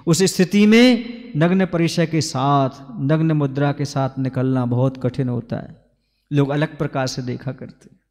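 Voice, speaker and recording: A man's voice: medium pitch, a little slow, a little mellow. A man who is a Jain monk, giving a sermon on scripture, asking his listeners questions and reciting rhyming couplets. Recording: long hall reverb.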